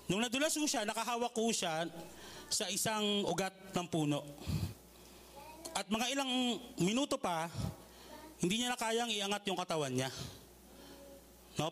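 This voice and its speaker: A man's voice: sits high, fairly bright tone. A male pastor giving a conversational sermon, telling humorous stories and checking in with the listeners often. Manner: conversational, with polite asides and frequent "okay?" checks.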